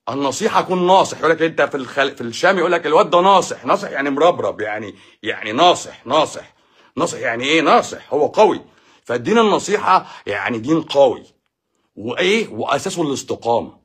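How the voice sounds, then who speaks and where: A man's voice: mid-range voice, a bit bright, husky. A man with an Egyptian Arabic accent talks about faith in an emphatic, preachy way, full of rhetorical questions. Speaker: doctor giving a talk. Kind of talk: casual talk on faith and life.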